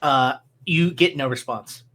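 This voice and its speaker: A man improvising tabletop game narration as game master, halting as he searches for words. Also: mid-range voice, pushed and bright.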